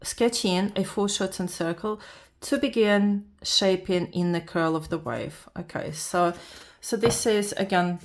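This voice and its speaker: This drawing lesson is talked through by a woman from Latvia, a Russian native speaker with a Russian accent, who sounds like she has just woken up. A beginner art vlogger making a casual tutorial, she uses a mid-range voice, halting and restarting often while reading the instructions aloud.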